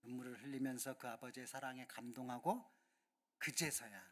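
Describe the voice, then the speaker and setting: A man's voice: medium pitch, steady tone, a little fast, fairly bright tone. A male pastor giving a sermon and speaking earnestly and directly to the congregation.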